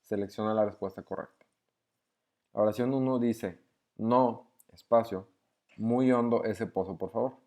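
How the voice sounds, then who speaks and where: A man's voice: fairly low pitch, steady tone, unhurried, long pauses, warm tone. A young man patiently walks through grammar exercises, reading each sentence aloud and explaining it step by step. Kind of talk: screen-recorded lesson walkthrough.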